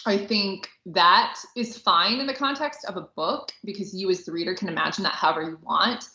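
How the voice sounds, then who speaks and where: In a roomy, echoey space with slightly dull sound, a bright-voiced podcast co-host of medium pitch talks a little fast. She's chatty and informal about books and films, leaning heavily on "like."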